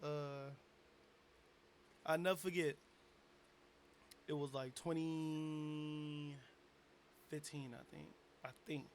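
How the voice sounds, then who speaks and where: A young man, a bit drunk, telling a long animated story in a casual interview, full of slang and swearing. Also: fairly high pitch, slow pace, long pauses, slight background noise. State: tipsy. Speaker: guest, aspiring rapper.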